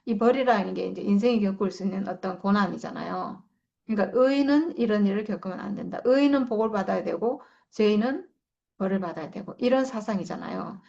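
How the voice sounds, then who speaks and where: Gravelly-voiced woman preacher, lo-fi. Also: mid-range voice, fast, mellow. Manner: plain explanatory retelling, acting out quoted lines. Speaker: pastor. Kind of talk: sermon retelling a scripture book. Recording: dull lo-fi sound.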